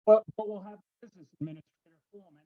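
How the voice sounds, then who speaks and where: A man's voice: high voice, racing. A man speaking at public comment during a council meeting, confronting officials in an accusing tone over a remote call whose audio keeps breaking up. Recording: dull lo-fi remote call line.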